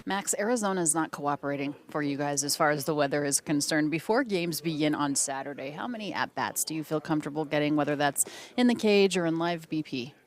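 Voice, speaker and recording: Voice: medium pitch, brisk, hardly any pauses. A reporter asking a player questions in a clubhouse, conversational. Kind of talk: interview questions.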